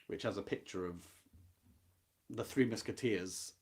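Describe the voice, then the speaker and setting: A lowish, gravelly and slightly mellow voice belongs to a book club host who talks a little slowly. He discusses a classic novel informally and live, with a reflective, earnest and emphatic tone.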